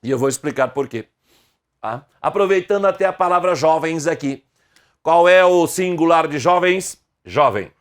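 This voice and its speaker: A middle-aged Brazilian man teaching an online grammar lesson, slow and deliberate, asking his viewers question after question. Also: a little high, lively intonation, clear, resonant tone.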